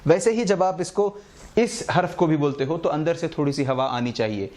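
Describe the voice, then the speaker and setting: A man's voice: a little high, a little mellow. A man explaining English letter pronunciation in a lesson, patiently repeating each sound as a model. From India. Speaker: English teacher.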